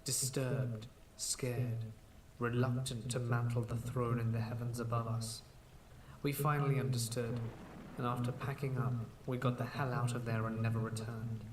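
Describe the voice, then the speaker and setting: A man narrating a scripted horror story in a measured, slow storytelling manner. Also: medium pitch, flat delivery. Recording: echoey room, distant mic, faint hiss.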